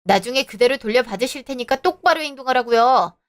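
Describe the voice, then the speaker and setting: A woman's voice: fairly high pitch, fast, lightly acted. A woman voicing a young married woman who talks back in cold, cutting retorts, in a scripted audio drama. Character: young married woman, sharp-tongued, defiant. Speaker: daughter-in-law.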